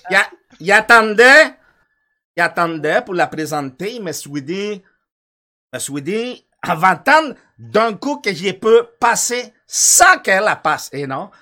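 A man's voice: sits high, very animated, unhurried, pushed and bright. Quebec guy doing a goofy weather bit, stumbles over his words a lot, bouncy voice. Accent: Quebec French. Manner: rambling, stammering, joking. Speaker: comic weather presenter. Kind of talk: improvised comedy sketch.

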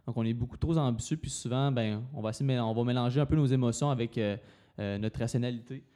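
A man's voice: mid-range voice, fast talker, mellow. A man with a Quebec French accent speaking casually on a podcast, hesitating often with fillers. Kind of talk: casual finance podcast talk.

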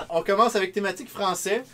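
A man's voice: fairly high pitch, slightly rough. A man with a Québécois accent, hosting a casual comedic chat show, playful and joking, with music behind. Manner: playful, joking, laughs often. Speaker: podcast host and game co-creator.

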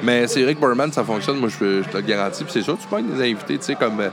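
A man's voice: medium pitch, expressive, very fast, music in the background. A man with a Quebec French accent hosting a very informal, joking conversation in colloquial language. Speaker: interviewer, host. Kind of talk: casual chat.

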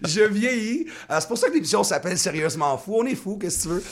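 A man's voice: high-pitched, animated, fast talker. Casting note: Québécois man, late thirties, touring singer, loose rambling interview talk full of fillers and laughter. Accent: Québécois French. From Quebec. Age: 30s. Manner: rambling, many restarts and fillers, laughs easily. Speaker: touring singer-songwriter guest. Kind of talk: casual radio interview.

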